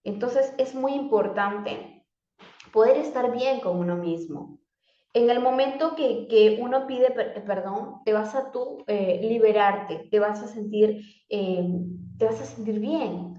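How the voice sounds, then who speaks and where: A woman's voice: a little high, takes it slowly, mellow. A woman coach giving a motivational talk, often putting questions to herself by name, with many restarts and fillers. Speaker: life coach. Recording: echoey room, dull sound.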